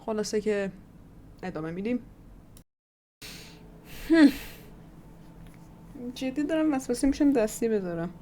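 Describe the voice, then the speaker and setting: A woman's voice: on the high side, expressive, pauses often, mellow, a little hiss or hum. Woman host, casual work-along commentary, muttering, thinking aloud. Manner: muttering to herself, trying things out. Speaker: 3D artist and channel host.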